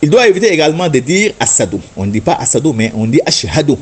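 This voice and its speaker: Husky-voiced man teaching religious pronunciation. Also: on the high side, sing-song, quick pace. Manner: patient, explanatory, demonstrates chanted Arabic words and repeats "n'est-ce pas". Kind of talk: religious instruction talk.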